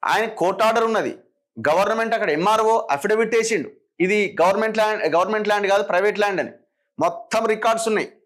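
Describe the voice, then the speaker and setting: A man's voice: sits high, fast talker, fairly bright tone. A man with a Telangana Telugu accent giving opinionated political commentary, firing sarcastic rhetorical questions.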